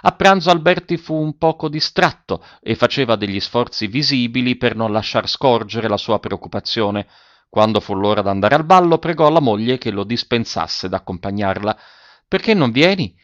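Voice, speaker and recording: A man narrating a novel as an audiobook, reading in a measured, expressive way. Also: mid-range voice, no echo. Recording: dull lo-fi audiobook recording.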